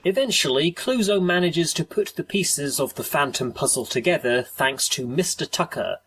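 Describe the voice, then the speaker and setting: A man's voice: fairly high pitch, lively intonation, normal speed, fairly bright tone, slight background noise. A man reading scripted documentary narration as the narrator.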